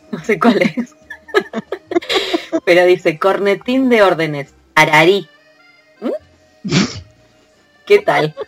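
A woman's voice: fairly low pitch, a bit bright. A woman with a Rioplatense Spanish accent, hosting a casual podcast chat, playful and laughing often as she sounds out onomatopoeia. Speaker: podcast host.

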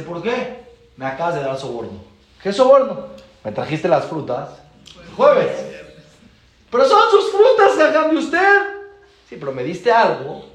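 Animated rabbi telling stories. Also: male voice, reverberant. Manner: animated, acts out dialogue with shifting pitch. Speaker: rabbi teaching a class. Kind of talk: storytelling lesson.

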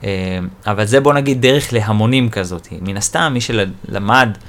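Speaking on the low side, this man runs a podcast on personal development and delivers a lively monologue about growth. He voices inner thoughts dramatically and keeps circling back to key phrases.

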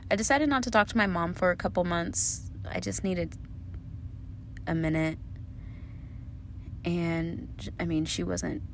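A woman in her thirties with a low, gravelly voice, talking straight to her viewers. She tells her story candidly and casually, swearing freely. A faint hiss sits behind the recording. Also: measured pace, pauses often. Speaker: vlogger.

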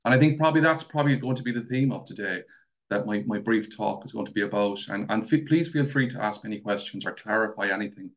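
A man's voice: on the low side, fast, highs cut off. Man with a thick west of Ireland accent. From County Mayo, west of Ireland. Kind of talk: semi-formal public talk.

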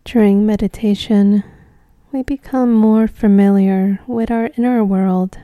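A woman leads a guided meditation gently and soothingly, without hurry, leaving long pauses between short phrases. Her medium-pitched voice stays steady, with no echo, though the audio is narrow and tinny.

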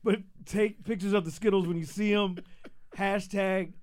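A male podcast co-host with a slightly high voice, talking in a loose, playful way. He chats casually with his co-hosts and laughs often. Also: fairly even intonation, normal speed, a little mellow, slight background noise.

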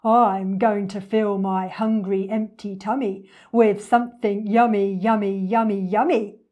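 A woman's voice: medium pitch, fairly even intonation, unhurried, a little mellow, lightly acted. A woman voicing an enormous, boastful, wicked male crocodile in a storybook reading, gloating and lingering with relish on words. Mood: sly relish.

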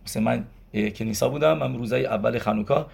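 A man's darkish, mid-range voice with vocal fry and a slight roughness leads a Torah lesson in Persian as a rabbi. Working through it step by step, he tallies gematria out loud and answers his own questions.

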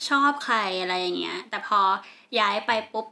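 A woman recalling her childhood in a relaxed casual chat, hesitant with many fillers. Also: on the low side, normal speed, gravelly.

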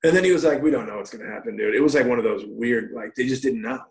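A man's voice: mid-range voice, very fast, vocal fry, darkish tone. A man in his forties, a stand-up comedian, telling stories at home in a loose, profane way with lots of quoted dialogue. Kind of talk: casual storytelling interview. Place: room at home. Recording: echoey room.

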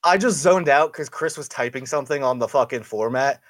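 A man's voice: mid-range voice, fairly quick, dry recording, studio quality. A man hosting a casual podcast, rambling, laughing often and swearing freely. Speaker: podcast host. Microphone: studio microphone.

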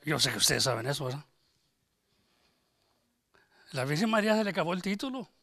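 A man's voice: fairly high pitch, very animated, a little fast, sharp tone, no echo. A man preaching a sermon, emphatic, asking rhetorical questions and acting out conversations.

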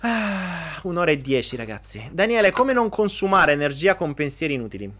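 A man hosts a casual live chat in a fairly high voice that swings widely up and down. He jokes and speaks straight to his viewers. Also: brisk. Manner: animated, jokey, talks to viewers directly. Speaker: live stream host answering viewers.

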